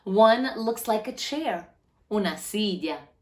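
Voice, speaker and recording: A medium-pitched woman brings a children's picture book to life as a storyteller, reading it aloud. She uses animated, deliberate phrasing and lets words drag out.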